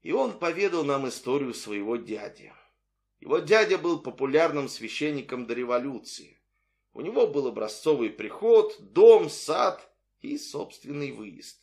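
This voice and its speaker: A man reading a novel aloud in expressive storytelling narration. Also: fairly high pitch, measured pace, creaky. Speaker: audiobook narrator. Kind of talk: scripted narration.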